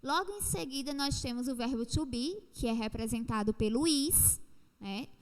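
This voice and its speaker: A woman with a Brazilian Portuguese accent explaining an English lesson step by step, repeating points and slowing down on the examples. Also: sits high, animated, big-room sound. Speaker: teacher. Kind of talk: recorded online lesson.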